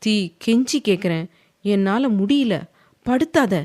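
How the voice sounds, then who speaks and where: A woman's voice: mid-range voice, lively intonation, measured pace, a little mellow, voice pushed up, lightly acted. A woman voicing a stern, teasing, possessive young husband in an audio novel, reading his lines firmly. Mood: strained, stern.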